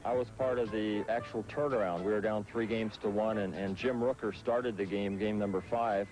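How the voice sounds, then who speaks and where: A man in his thirties, a professional baseball pitcher from the Netherlands who was raised in Southern California, answering interview questions in a relaxed way with frequent fillers. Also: normal speed, over music, poor audio.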